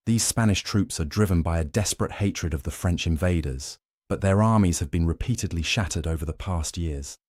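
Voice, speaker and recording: A man narrates history in a grave, measured, dramatic way, pausing for weight. His voice sits very low. The sound is dry and close, with no room around it. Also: a little mellow, dry recording. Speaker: documentary narrator.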